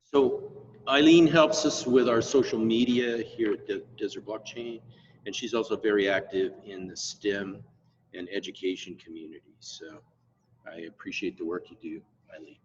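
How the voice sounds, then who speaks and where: Distant low-voiced man on muffled audio. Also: fairly even intonation, normal speed. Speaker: meeting host. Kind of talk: introducing a participant. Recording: distant, muffled call audio with faint noise.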